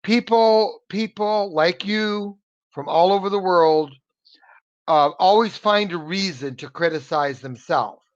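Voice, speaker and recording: An American man tutors English in an online lesson over a video call, speaking slowly in a high-pitched voice. He is earnest and encouraging and often repeats words while searching for the next one. The call audio is dull and muffled.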